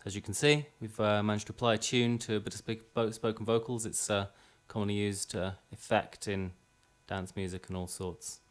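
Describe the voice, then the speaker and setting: Drums and music play behind a man giving a step-by-step informal music production software demo, with a slightly hesitant delivery. His voice is on the low side and steady, and he moves briskly with hardly any pauses.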